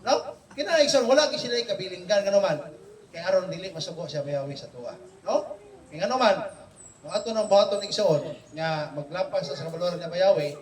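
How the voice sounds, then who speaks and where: A man with a high, light voice leads a family Bible study, animated and teasing, tossing "no?" at his listeners every few phrases. He sounds set back from the mic in an echoey room. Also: fairly quick, recorded from a distance. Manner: animated, teasing, keeps checking in with "no?". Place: home room with family gathered.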